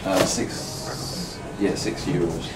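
Deep-voiced and slow with little pitch movement, a cheese shop worker in his thirties describes the products in a plain, matter-of-fact way, hesitating at times. A distant camera mic captures him in the busy, echoey indoor shop under heavy background noise from a loud crowd.

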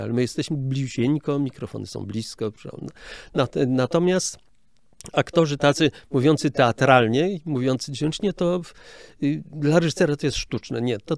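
An older man speaks as an interview guest, a film sound director explaining his work. His voice is gravelly, sitting at a middle pitch, and the sound is dry and close. He talks in a hesitant, explanatory way, often breaking off and restarting words. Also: darkish tone, dry recording. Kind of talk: casual interview talk.

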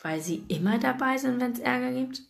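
A gruff, weary older sheriff in a small town, growling out his complaints. A woman reads him aloud from a novel. He sounds fed up and exasperated. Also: sits high, lively intonation, normal speed, pitched above the performer's own voice, full character voice. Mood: grumbling.

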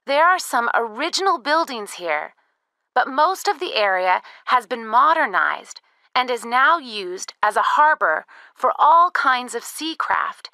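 Actress as bright, slow recorded phone message woman. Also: on the high side, very animated, no room sound, heavily acted. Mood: measured, informative. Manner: clear, measured, informative. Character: female announcer of a tourist bus tour phone line. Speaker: recorded information line announcer. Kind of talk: recorded phone message, scripted tourist information.

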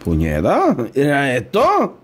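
A Puerto Rican man in his thirties hosts a casual podcast interview in a small studio with a brick-look wall, joking, laughing often and using lots of slang. He speaks slowly into a desk boom mic in a mid-range, breathy-edged voice whose pitch swoops wildly.

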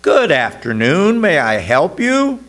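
A man voicing a kind, wise woman who runs a flower shop, speaking softly and patiently. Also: deep voice, sing-song, slow, vocal fry, slightly rough, pitched above the performer's own voice, full character voice. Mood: friendly. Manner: soft, patient, consoling.

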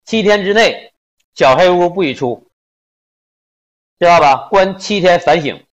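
A man's voice: high voice, expressive, unhurried, muffled recording. A man telling a story casually, crude and colloquial, slipping into voices for the people he quotes.

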